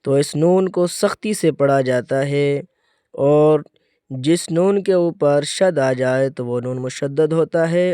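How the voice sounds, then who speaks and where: A man's voice: a little high, warm tone, smooth, dry recording, clean studio sound. Resonant-voiced man teaching Quran recitation. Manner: patient, repeats and demonstrates correct pronunciation. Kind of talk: explanatory tajweed lesson.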